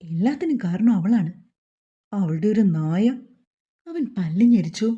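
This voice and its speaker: A woman's voice: medium pitch, sing-song, measured pace, mellow, slightly rough. A woman reading a short story aloud as narrator, lifting her voice for the characters' lines. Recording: dull lo-fi recording.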